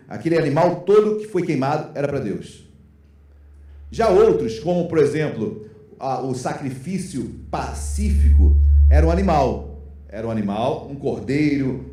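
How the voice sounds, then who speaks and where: A man's voice: mid-range voice, reverberant. A man with a Brazilian Portuguese accent preaching an emphatic sermon, often calling out to the congregation directly. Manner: emphatic, addresses congregation warmly as "queridos". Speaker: pastor.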